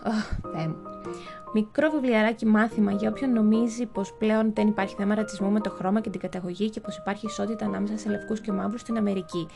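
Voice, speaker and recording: A young adult woman, a book vlogger, chats her way through a list of books in a casual review, adding wry asides and stumbling over foreign titles. Her mid-range voice is steady in tone with vocal fry, and music plays behind her.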